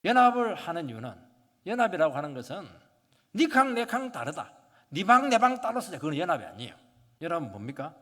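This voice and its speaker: A Korean pastor preaching a sermon in church, swinging from shouted lines to near whispers and acting out the voices of church members. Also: male voice, on the high side, big pitch swings, a little fast. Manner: dramatic swings from shouting to whispering, acts out congregants' quotes. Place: church sanctuary. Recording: long hall reverb.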